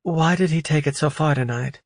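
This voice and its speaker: A male narrator voicing a caring, patient young woman, speaking gently with concern. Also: on the high side, normal speed, no echo, clean studio sound, pitched above the performer's own voice, close to an everyday voice.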